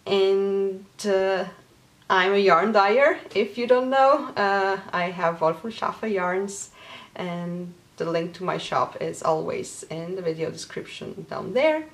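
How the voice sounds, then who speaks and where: A Polish woman in her thirties, whose first language is Polish, hosts a knitting podcast from a small craft room at home. She talks to the camera in a casual, chatty way, with a medium-pitched voice, a slow pace, plenty of fillers and little laughs.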